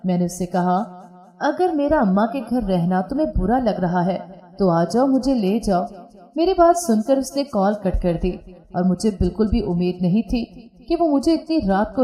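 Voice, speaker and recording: Woman reading out a story, calm steady voice, warm and mellow. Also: mid-range voice. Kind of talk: first-person scripted narration.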